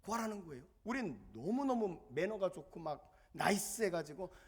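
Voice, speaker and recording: Male pastor giving a sermon: animated and emphatic, high, lively pitch. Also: moderate pace, husky. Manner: animated and emphatic, telling stories. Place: church.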